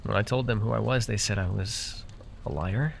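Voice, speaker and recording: This man speaks as a young magical herbalist in a fantasy roleplay, a proud character who is quick to exasperation and gave away his name. Talking straight to the listener, he sounds pensive and confiding, shifting between theatrical flourishes and sheepish stammering. His voice is on the low side and creaky, at a moderate pace, over a little hiss or hum.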